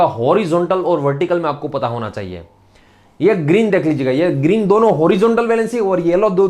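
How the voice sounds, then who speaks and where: A man's voice: fairly high pitch, a little mellow. A man with a Gujarati accent teaching a recorded chemistry lecture, repeating points over and over and teasing his students now and then. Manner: repetitive, drilling, teasing asides to students.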